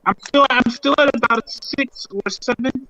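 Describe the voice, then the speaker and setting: A man's voice: very high voice, normal speed, pushed and bright, dull audio. A man joining a casual show remotely, heard through a cell phone on speaker, talking in a laid-back, wry way. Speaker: podcast guest. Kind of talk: casual chat. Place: calling in remotely.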